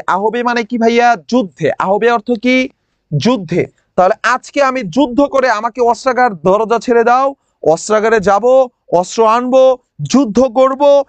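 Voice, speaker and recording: A man's voice: high voice, no room sound. A male teacher explains a poem line by line for exam preparation, asking his students questions and acting lines out dramatically. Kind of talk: exam-prep poetry lesson.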